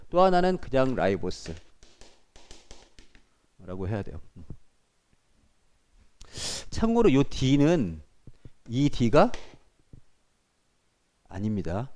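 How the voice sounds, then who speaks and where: A man teaching a class, lecturing to students and often checking in with them. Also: mid-range voice. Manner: animated, addresses students directly with frequent checks.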